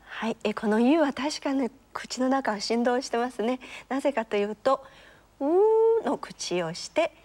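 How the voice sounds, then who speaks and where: A woman teaching a language lesson, patient and encouraging, demonstrating each sound slowly. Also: a little high, a little mellow. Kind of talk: explanatory lesson.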